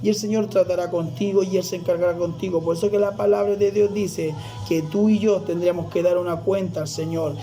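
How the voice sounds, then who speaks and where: High-voiced fervent man preaching. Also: steady tone, fairly quick, vocal fry, few pauses, dark tone, faint music behind. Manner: fervent preaching, often addresses listener as brother. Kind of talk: sermon.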